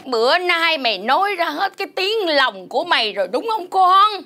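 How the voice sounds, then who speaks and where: A woman's voice: very high voice, sing-song, moderate pace, bright, forceful tone, heavily acted. A dramatic scolding mother-in-law. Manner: scolding, melodramatic. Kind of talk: comic folk-opera acting, spoken and sung. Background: folk music.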